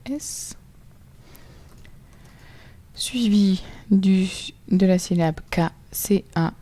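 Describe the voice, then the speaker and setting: Slow, soft-spoken French teacher woman. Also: mid-range voice, no echo. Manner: slow, clear, spelling sounds out letter by letter. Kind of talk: recorded phonics lesson for children.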